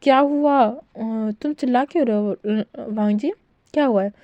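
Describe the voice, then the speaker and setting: A woman voicing a calm, caring older brother who reassures softly. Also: a little high, measured pace, dry recording, dull audio, lightly acted. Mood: concerned. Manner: soothing, reassuring.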